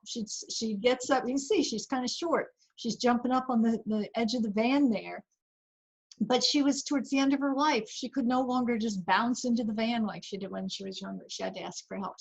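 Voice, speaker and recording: Husky woman therapist giving a workshop. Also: fairly high pitch, rough recording. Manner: chatty and conversational, often laughing between points. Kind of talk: workshop presentation.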